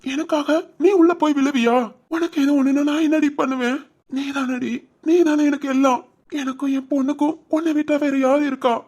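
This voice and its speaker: A woman's voice: fairly high pitch, steady tone, moderate pace, a little mellow, close to an everyday voice. Woman voicing a loving young cartoon husband. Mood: tearful. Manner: emotional, pleading and protective. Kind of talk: dubbed cartoon family drama.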